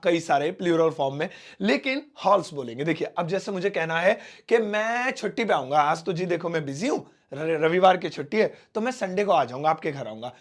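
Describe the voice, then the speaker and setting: High-voiced man teaching English. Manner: explains slowly with Hindi examples, repeats words. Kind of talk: spoken English lesson.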